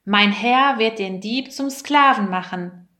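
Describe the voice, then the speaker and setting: A woman reading aloud and voicing a stern male steward who shouts commands at a group of thieves in a storybook tale. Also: on the high side, slow.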